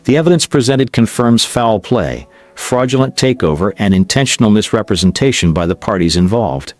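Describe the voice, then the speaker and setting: A man's voice: on the low side, animated, moderate pace, natural voice. A man playing a stern formal judge. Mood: firm. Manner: firm, formal. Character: stern middle-aged male judge.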